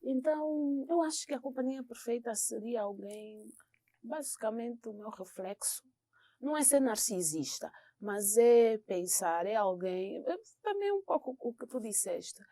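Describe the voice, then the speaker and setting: A woman's voice: on the high side, lively intonation, measured pace, mellow, no room sound, studio quality. A young woman with an Angolan Portuguese accent, co-hosting a casual chat, speaking frankly and emphatically and often checking in with her listener. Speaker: podcast co-host.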